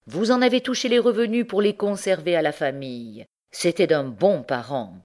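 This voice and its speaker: Audiobook: indignant young husband whose voice climbs high in anger, read by a woman. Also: normal speed, darkish tone, close to an everyday voice. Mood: ironic. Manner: voice rises high when outraged. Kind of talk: audiobook character reading.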